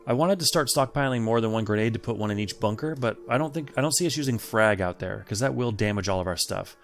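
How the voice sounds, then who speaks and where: Man, gravelly voice, casual gameplay commentary, thinking aloud, faint game music behind. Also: on the low side, fast talker. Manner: thinks aloud, chatty, addresses game characters. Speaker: let's play host.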